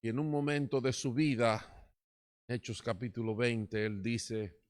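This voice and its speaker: Slow, fervent male preacher. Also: medium pitch, a bit bright. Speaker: pastor. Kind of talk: sermon.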